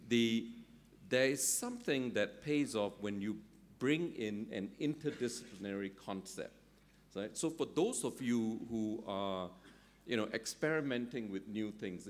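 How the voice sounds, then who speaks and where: A man's voice: fairly low pitch, lively intonation, a little slow, a little hiss or hum. A middle-aged man from Singapore, speaking as a summit panelist. He thinks aloud with many ums and often checks in with "right?". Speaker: conference panelist. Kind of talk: panel discussion at an economic summit.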